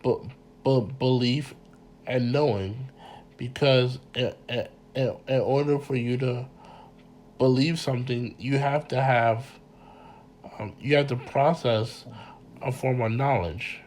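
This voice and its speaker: Male lecturer, stuffy and congested, slow halting delivery, mid-pitched, faint noise underneath. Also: steady tone, a little mellow. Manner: halting, many repeated words and ums; earnest, addresses listeners directly. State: congested from a cold. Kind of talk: informal mini lecture.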